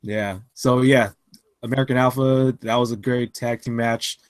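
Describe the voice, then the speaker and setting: A man's voice: mid-range voice, fairly even intonation, normal speed, no room sound. A man co-hosting a casual podcast chat, tired after a long work shift, rambling with lots of fillers and restarts. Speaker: podcast co-host.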